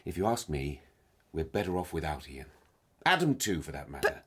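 A man playing a controlling, indignant husband in a naturalistic radio soap, with a husky voice and an insistent, needling manner. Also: rumbling low, very animated, moderate pace, a bit bright, heavily acted. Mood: insistent, resentful.

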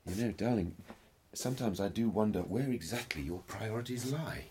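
A man playing a controlling, indignant husband in a naturalistic radio soap, with a husky voice and an insistent, needling manner. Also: lowish voice, expressive, moderate pace, background noise.

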